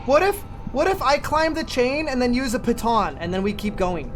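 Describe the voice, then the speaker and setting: A man streaming a game and chatting casually with friends, excitable and teasing, in an echoing cave-like voice chat. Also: very high-pitched, normal speed, soft background music. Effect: echoing cave reverb on game voice chat. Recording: noisy game audio behind voice.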